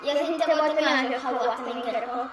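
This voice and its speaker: A woman's voice: sits high, fairly even intonation. A young woman teasing her co-host while they play a football video game, sometimes singing her lines. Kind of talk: casual gameplay chat. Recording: echoey room, far from mic, loud crowd noise.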